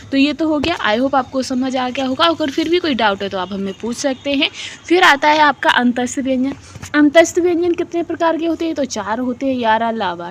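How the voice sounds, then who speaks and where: With a high-pitched voice and slight background noise, a woman teaches an exam-prep lesson. She poses questions and answers them herself, says syllables aloud repeatedly to show sounds, and blends English words into her Hindi.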